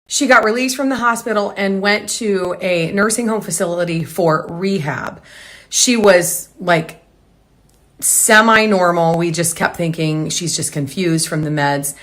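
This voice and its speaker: A woman home decor blogger talking casually to camera, hurried and rambling with restarts. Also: on the low side, a bit bright.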